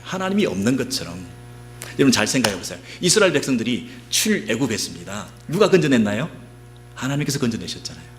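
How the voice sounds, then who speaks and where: A middle-aged male pastor giving an animated sermon, often asking the congregation questions. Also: mid-range voice, slight background noise.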